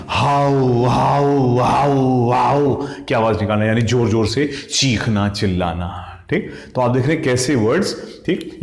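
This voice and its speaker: A man teaching exam vocabulary, explaining each word step by step and checking in with "okay?" after nearly every phrase. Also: mid-range voice. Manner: mimics shrieks and howls to act out sound words. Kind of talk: Hindi-English exam vocab lesson. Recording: echoey room.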